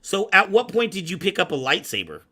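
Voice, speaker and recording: Bright, lively male podcast host. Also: high voice, slightly rough. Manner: chatty, agreeable, quick repeated affirmations. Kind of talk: casual podcast interview.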